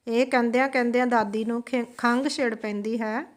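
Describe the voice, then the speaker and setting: Teacher lady reading a play to class, bit high voice, plain and even. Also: fairly quick.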